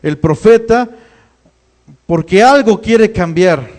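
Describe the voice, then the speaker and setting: A man's voice: sits high, lively intonation, slow, a little mellow. A man with a Mexican Spanish accent preaching a sermon as pastor, emphatic, with rhetorical questions and repeated exhortations.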